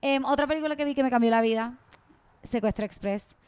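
Fast-talking enthusiastic young woman. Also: on the high side, darkish tone, clean tone. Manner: enthusiastic, slangy, swears casually. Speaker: podcast co-host. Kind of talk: casual chat.

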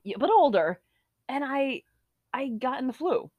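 A woman's voice: high voice, very animated, unhurried, dry recording, phone-quality sound. A young woman co-hosting a podcast, telling an embarrassing story in casual chat and laughing until she cries. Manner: laughing through her story, tearful with laughter. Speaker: podcast co-host.

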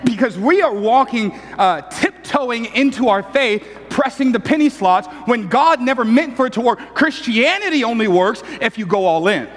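A man preaching a sermon as a pastor, telling a funny story and rising to loud fervor. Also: very high-pitched, lively intonation, moderate pace, hardly any pauses. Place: church. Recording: long hall reverb.

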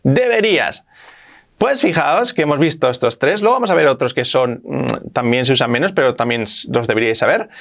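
A man from Spain with a Spanish accent, teaching English grammar to camera, repeating words and jumping up in pitch for emphasis. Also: fairly bright tone.

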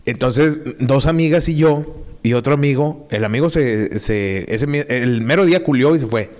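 A man's voice: medium pitch, moderate pace. A young man with a northern Mexican accent casually telling childhood stories on a podcast, full of slang and acted-out quotes. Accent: northern Mexican, Monterrey. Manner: slangy, animated, acts out quotes. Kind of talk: casual storytelling.

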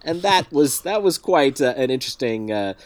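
A man's voice: mid-range voice, expressive, normal speed. A man co-hosting a casual film review podcast, speaking in a wry, dryly joking way as he recaps a plot. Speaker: podcast co-host.

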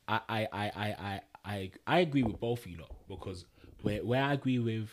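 Man, lowish voice, casual podcast chat with stammered starts. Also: fairly quick. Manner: stammering restarts, addresses listeners directly. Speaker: podcast co-host.

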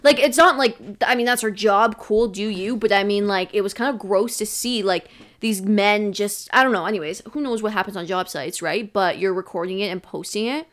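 A woman's voice: medium pitch, normal speed, fairly bright tone. A young woman from Canada co-hosting a podcast in casual chat, swearing and piling up fillers as she tells stories. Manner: swearing, filler-heavy, chatty storytelling. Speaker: podcast co-host.

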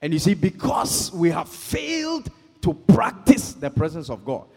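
Husky preacher man in echoing hall. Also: a little high, sing-song, soft background music. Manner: call-and-response, calls for amens; slow, emphatic, swells to shouts. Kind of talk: sermon. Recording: long hall reverb.

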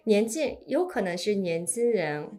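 A woman's voice: medium pitch, big pitch swings, unhurried, mellow. A woman from Japan with a Japanese accent, a foreigner speaking Mandarin in casual chat and hesitantly searching for words. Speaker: interview guest.

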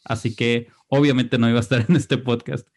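A man's voice: medium pitch, level tone, fairly quick, darkish tone. A Mexican man hosting a casual podcast, laid-back and swearing freely as he talks about films. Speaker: podcast host.

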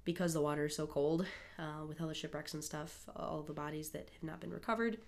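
A woman's voice: sits low, fairly even intonation, fairly quick, darkish tone. A young woman from Minnesota co-hosting a podcast, chatty and bubbly with lots of fillers, her nose stuffed up from a cold. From Minnesota, United States. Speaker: podcast co-host. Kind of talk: casual chat.

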